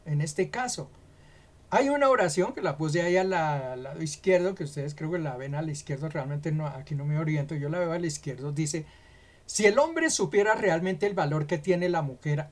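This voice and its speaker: A man's voice: sits high, darkish tone. A man with a Colombian accent leads a Bible teaching for a church broadcast. He explains things methodically and works through examples one at a time. He keeps checking in with his listeners through short rhetorical questions.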